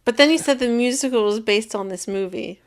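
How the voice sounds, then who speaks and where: Higher-voiced, wry woman co-host. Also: brisk. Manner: wry, joking asides. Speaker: podcast co-host. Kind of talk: casual movie podcast chat.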